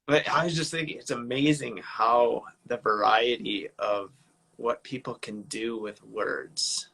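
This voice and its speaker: A man's voice: medium pitch, fairly even intonation, unhurried, gravelly, sharp tone, poor audio. A man co-hosting a casual live show, thinking aloud in a reflective way. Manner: reflective, musing. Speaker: podcast co-host. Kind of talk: casual live-stream chat.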